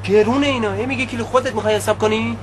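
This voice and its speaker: A man's voice: very high-pitched, steady tone, crowd noise. An actor playing a squabbling, cash-strapped husband in a TV drama, defensive and wheedling in his bickering. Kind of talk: TV series acting.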